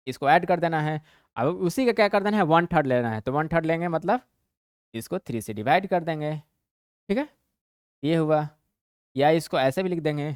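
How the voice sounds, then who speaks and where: A man teaching a math lesson, stretching out English math terms slowly and checking in often with a quick "okay?". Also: a little high, clean tone, no echo, clean studio sound.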